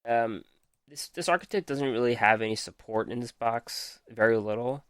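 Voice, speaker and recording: A man's voice: medium pitch, moderate pace, clean tone, no room sound, clean studio sound. A man hosting a podcast, methodically reading out card text and reviewing it with frequent ums while losing his voice. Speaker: podcast host. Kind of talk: casual card game review.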